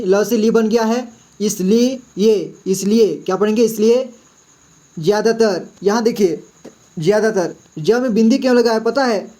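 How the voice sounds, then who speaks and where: A man walks through a reading lesson one word at a time. He sounds out each syllable slowly and patiently and keeps checking that his students are following. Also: high-pitched, dark tone. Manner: patient, slow syllable-by-syllable sounding out, frequent "ठीक है" check-ins. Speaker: Hindi reading teacher.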